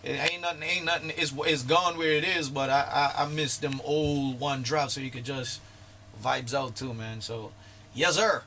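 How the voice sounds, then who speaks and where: A man from Guyana, a guest artist talking casually in a radio interview, laid-back and quick to laugh. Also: medium pitch, fairly even intonation, pushed and bright, a little hiss or hum. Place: radio studio.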